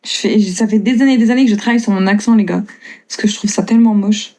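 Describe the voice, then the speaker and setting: A young woman in her twenties with a light northern French lilt chats loosely on a live stream, answering viewers' comments and laughing easily. Her voice sits at an ordinary pitch with a mellow, darker tone. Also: quick pace. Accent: slight northern French (Lille). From northern France. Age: 20s. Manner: chatty, laughs often, reads and answers comments. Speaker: livestreamer.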